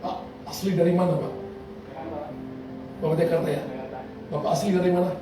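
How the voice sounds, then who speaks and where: A man from Indonesia, preaching a sermon as a pastor in an animated way, acting out quotes and laughing between lines. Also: high voice, a little fast. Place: large church hall. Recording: echoey hall from far off with noise.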